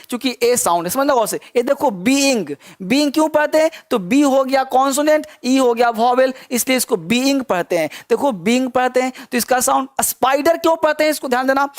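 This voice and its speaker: A man teaches a spoken-English class in a coaxing, repetitive way. He keeps stopping to make his students pay attention and to ask if they understand, then says the same word several times so it sinks in. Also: very high-pitched.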